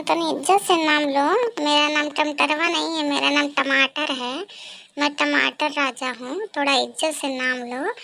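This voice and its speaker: A proud, touchy cartoon tomato. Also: male voice, very high-pitched, gravelly, sharp tone, heavily acted. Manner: indignant, demands respect, argumentative. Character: proud touchy male tomato, fallen king. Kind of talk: cartoon voice acting.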